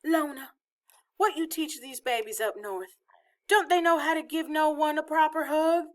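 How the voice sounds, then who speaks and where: A woman's voice: sits high, normal speed, pitched above the performer's own voice, natural voice. A woman voicing a feisty, bossy, affectionate old Southern grandmother in a storybook reading, with a folksy, exclaiming manner. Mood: scolding, affectionate. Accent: Southern American. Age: elderly. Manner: folksy, scolding, loudly exclaiming.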